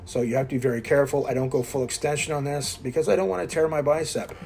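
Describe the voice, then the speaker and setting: This Canadian fitness vlogger, a Quebecer in his fifties, speaks fast in a mid-range, slightly mellow voice with vocal fry and fairly even intonation. He gives laid-back commentary while exercising in an indoor gym, coaching viewers bluntly and mocking himself, over soft background music.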